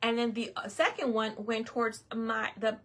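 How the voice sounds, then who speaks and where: A woman's voice: a little high, little pitch movement, normal speed. A middle-aged woman telling a rambling story in a casual, chatty way, full of fillers and restarts. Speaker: vlogger.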